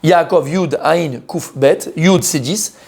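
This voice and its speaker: Man, rabbi, Torah class, raised pitch, animated, repeats key words, quizzes the group. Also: takes it slowly, vocal fry, slight background noise. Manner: questions the audience and repeats key words for emphasis; animated, emphatic delivery. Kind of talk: weekly Torah lesson to a live group.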